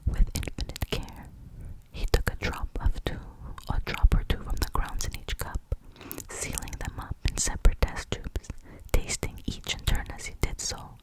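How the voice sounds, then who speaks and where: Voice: moderate pace, rough recording. Semi-inaudible close-up ASMR whisper, reading a novel. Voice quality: soft, breathy, semi-inaudible unvoiced whisper. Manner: close-up whispering, murmured and hushed.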